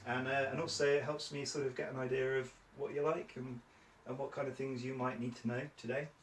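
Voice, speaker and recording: Facilitating a small, friendly training session, this Cornish man stays encouraging and upbeat while sprinkling in plenty of fillers. He talks fairly quickly in a level, medium-pitched voice. Picked up by a far-off mic in an echoey room, the audio has slight background noise.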